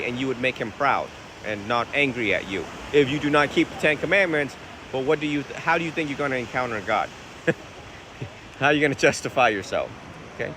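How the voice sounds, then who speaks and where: A man from Vietnam, a Buddhist monk, answering viewers' questions in a relaxed, conversational way outdoors by the ocean, recorded on a phone. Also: medium pitch. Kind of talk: casual outdoor Q&A talk. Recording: phone recording with wind and surf noise. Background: ocean waves and wind.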